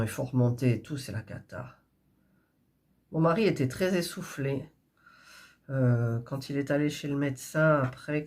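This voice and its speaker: A woman's voice: a bass voice, darkish tone. A woman with a stuffy nose, chatting in a rambling, casual way while preparing embroidery threads. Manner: chatty, rambling, with frequent fillers and restarts. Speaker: cross-stitch crafter vlogger.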